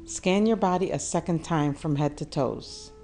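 Low-pitched and unhurried, a woman guides listeners through meditation with a soothing, measured manner and deliberate pauses, while music remains clearly audible.

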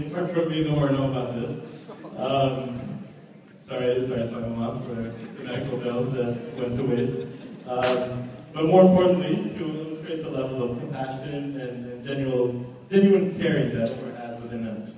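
A man's voice: mid-range voice, moderate pace, mellow. A young man giving a joking best man speech at a wedding, telling stories and often restarting his words. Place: wedding reception hall. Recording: echoey hall from far off.

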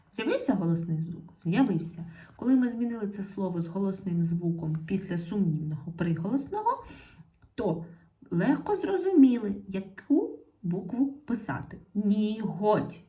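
A woman teaches young pupils in an online video lesson. Her voice is warm and mellow at a middle pitch. She speaks to the children directly and says each example word slowly and clearly. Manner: clear, slow dictation of example words, addresses children. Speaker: primary school teacher.

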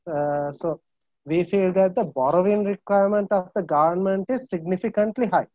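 Halting Sri Lankan analyst on a call. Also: male voice, high voice, no echo. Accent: Sri Lankan English. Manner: halting, many filler uhs. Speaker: market analyst panelist. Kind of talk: video call panel discussion. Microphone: video call. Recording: muffled video call audio.

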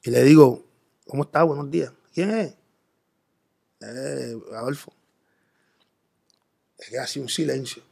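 A man's voice: mid-range voice, steady tone, normal speed, gravelly, pauses often, a little mellow, breathy edge. A man telling an earnest personal testimony as an interview guest, quoting himself in dialogue.

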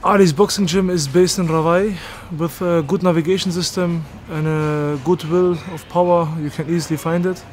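A man in his thirties hosting a casual interview and gym review, talking in an energetic, emphatic way. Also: fairly high pitch, moderate pace, few pauses, a little hiss or hum. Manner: energetic, emphatic, animated with hand gestures. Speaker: host. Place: open-air boxing gym, then outdoor garden.

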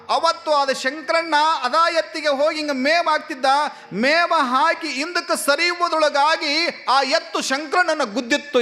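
A male preacher with a North Karnataka Kannada accent, telling a moral story in a sermon, dramatic and swinging between hushed and loud. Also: very high-pitched. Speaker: spiritual preacher.

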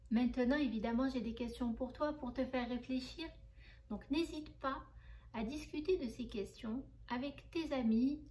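A woman reading a children's picture book aloud, telling it expressively for young listeners and then softly asking them questions. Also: high voice, breathy edge. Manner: expressive, slow storytelling for children; soft, gentle address to the child listener. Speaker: children's storyteller.

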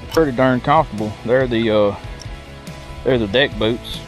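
Man, casual fishing vlogger, folksy and chatty, mid-pitched, recorded outdoors on a camera mic. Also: normal speed, faint music behind. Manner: folksy, chatty, addresses viewers as y'all. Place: outdoors at a pond bank.

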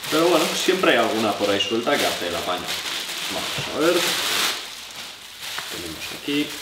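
A young Spanish man from La Mancha, seated at a table in his living room, explains knife sharpening to viewers in a relaxed, chatty way. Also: on the low side, normal speed, roomy sound, very noisy. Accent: Spanish from Spain. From La Mancha, Spain. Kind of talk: hands-on tutorial, addressing viewers.

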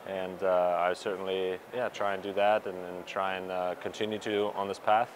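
A young man, a pro soccer player, fields reporters' questions after a game in the stadium media area with a sponsor backdrop behind him. His voice is low and level at normal speed, hesitant with many fillers and restarts, recorded on handheld mics and recorders held close. The audio is poor, with slight background noise.

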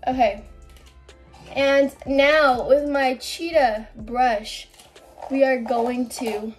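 A woman's voice: high voice, fairly even intonation, drawn-out words, faint music behind. A young woman vlogging casually at home into a camera mic, chatty and a little anxious, rambling and restarting her sentences. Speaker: beauty vlogger. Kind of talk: casual vlog chat.

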